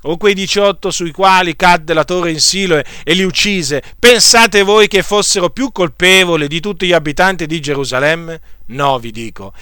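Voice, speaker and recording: A man reading Jesus, solemn warning, high bright voice, dry close sound. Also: smooth, no echo. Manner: solemn, slowing for emphasis. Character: Jesus warning listeners to repent.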